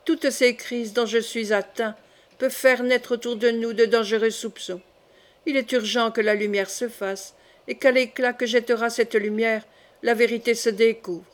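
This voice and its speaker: Female reader playing a sick young king, guarded and ironic, in her own fairly high voice. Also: fairly even intonation, normal speed, lightly acted.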